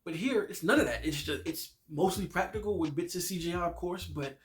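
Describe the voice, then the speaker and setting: Excitable man gushing about movies. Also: high-pitched, fairly quick. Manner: excited, rambling, stumbles over repeated words; casual swearing. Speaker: movie reviewer. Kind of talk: casual movie ranking vlog.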